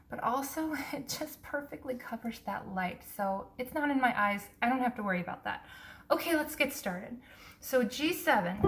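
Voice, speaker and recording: Female vlogger, higher voice with braces-affected diction, chatty self-narration while practising, piano music around her. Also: a bit bright. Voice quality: slightly impeded articulation from dental braces. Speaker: video blogger learning jazz piano. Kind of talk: casual practice vlog, talking while working at the piano. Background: piano playing at times.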